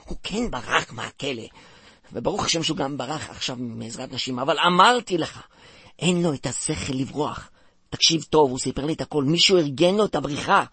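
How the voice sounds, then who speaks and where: A man playing a bumbling, stammering man who cracks silly puns while trying to smooth things over in a comic radio play. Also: fairly high pitch, fairly bright tone, no room sound. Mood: pleading coaxing.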